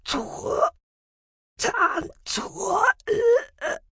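Brief: a man plays a panicked young alien girl, shrill, croaking, wailing; audiobook. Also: lively intonation, very slow, dry recording, studio quality, heavily acted. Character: frail, haunted girl screaming in a trance.

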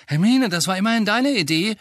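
A man's voice: mid-range voice, sing-song, normal speed, a bit bright, no room sound, studio quality. A man voicing a blunt, sarcastic teenage schoolboy in an audiobook. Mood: indignant. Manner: indignant, sarcastic.

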